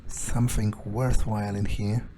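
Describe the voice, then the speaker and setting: A gamer narrates an in-character playthrough, thinking aloud in improvised commentary that's musing and sardonic, understated and casually profane. His voice is on the low side, mellow and level, delivered at a measured pace over slight background noise.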